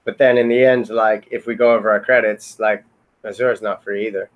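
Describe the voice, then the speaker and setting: A man with a fairly low voice and flat delivery talks a little fast in a casual remote meeting. As a software team member in a retrospective, he hesitates, rambles and hedges as he speaks.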